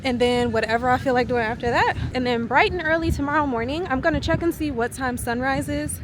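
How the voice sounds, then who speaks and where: A woman's voice: sits high, fast, background noise. A woman vlogging in casual chat, filler-heavy and laughing often.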